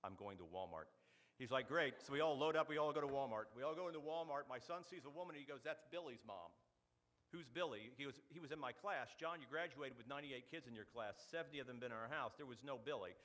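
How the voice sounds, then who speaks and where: Middle-aged man, club speaker, quick-talking, bright forceful tone, storytelling speech. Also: medium pitch. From Oklahoma. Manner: animated storyteller, quick delivery with punchy asides. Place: meeting hall.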